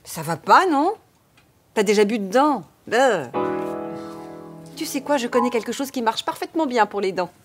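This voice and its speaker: An actress playing a bossy, scornful woman who scolds a man with a sharp tongue. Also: on the high side, expressive, moderate pace, long pauses, over music, close to an everyday voice. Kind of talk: film acting.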